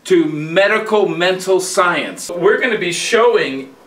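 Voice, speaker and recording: Man, fifties, declamatory promotional delivery, forceful bright tone, echoing camera audio. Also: sits high, expressive, measured pace, far from the mic. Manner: emphatic, repetitive, declamatory. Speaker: hypnotist and trainer. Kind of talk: promotional talk to camera and live demonstration. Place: hotel room and airport, indoors. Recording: roomy echoing camera sound.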